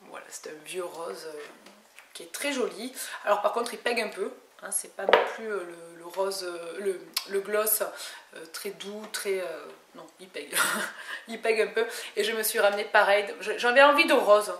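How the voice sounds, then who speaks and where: A woman from France talks casually through her beauty haul at a middle pitch, full of hesitations and restarted phrases. Her voice sounds roomy and echoey, as if recorded in an untreated room at home. A faint noise sits behind her. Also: moderate pace, fairly bright tone. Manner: chatty, many hesitations and restarts. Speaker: beauty vlogger. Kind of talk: casual haul video chat.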